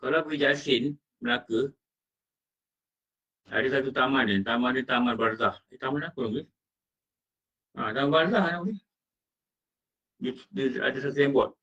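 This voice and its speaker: A man's voice: medium pitch, moderate pace, long pauses, fairly bright tone. A man with a Malaysian Malay accent giving an Islamic lecture as a religious teacher, asking his listeners questions and acting out quoted dialogue. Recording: distant muffled mic.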